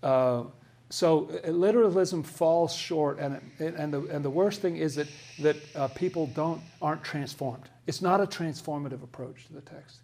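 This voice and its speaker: Male preacher, slightly high voice, conversational sermon with emphatic swells. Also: normal speed, a little mellow.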